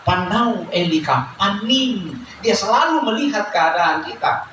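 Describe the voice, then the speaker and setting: A man preaching a lively sermon as pastor, acting out voices in his teaching. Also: high voice, a little slow, slight background noise. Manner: animated preaching, acts out voices of God and churchgoers. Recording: echoey hall from far off.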